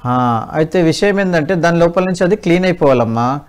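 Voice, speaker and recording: A man, a doctor on a call-in health show, talks callers through remedies in a patient, step-by-step way. His voice sits a bit high for a man. He addresses the callers kindly as mother. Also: lively intonation, a little fast. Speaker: doctor giving advice to callers. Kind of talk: phone-in health advice.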